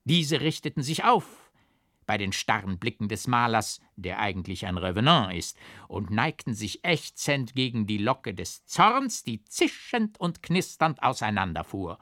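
A man's voice: on the low side, big pitch swings, unhurried, sharp tone, no echo, studio quality, exaggerated voice. A man voicing a small comical male wigmaker who speaks in grandiloquent, flowery phrases with French touches. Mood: pompous.

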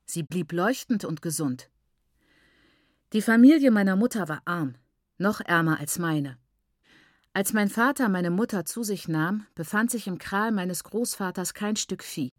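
This is scripted narration of a novel by a woman audiobook narrator of medium pitch, telling the story in a steady, measured way. The audio is dry and studio-clean.

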